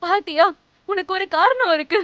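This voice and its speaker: A woman's voice: very high-pitched, lively intonation, normal speed, a bit bright, no room sound, muffled recording. An actress playing a young woman who cries and pleads desperately against her forced marriage. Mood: tearful. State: crying. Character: tearful young bride refusing her marriage. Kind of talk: TV serial acting. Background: background score music.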